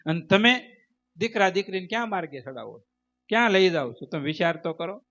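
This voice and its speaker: Male spiritual teacher, high voice, emphatic rhythmic sermon, dull lo-fi sound. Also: animated, a little fast, fairly bright tone. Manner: emphatic, repetitive, rhythmic preaching. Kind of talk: devotional sermon with storytelling. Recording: dull lo-fi recording.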